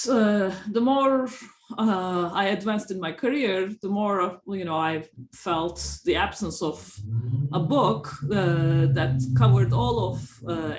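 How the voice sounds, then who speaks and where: A woman's voice: mid-range voice, a little hiss or hum. A woman from Turkey, a professor and author, giving interview answers in a hesitant way with many fillers and small laughs. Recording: roomy echo.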